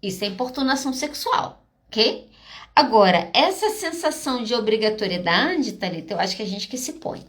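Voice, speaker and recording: On a live podcast answering audience questions, a Brazilian woman psychologist with a Brazilian Portuguese accent talks at normal speed in an expressive, slightly bright voice on the high side. Her delivery is direct and emphatic, with short check-ins to listeners to hammer points home.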